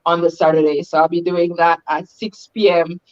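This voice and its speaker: A woman's voice: on the low side, little pitch movement, normal speed, a little mellow. A woman from Jamaica, a guest author chatting casually in an interview, upbeat and careful to spell things out. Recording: dull, lo-fi video call audio.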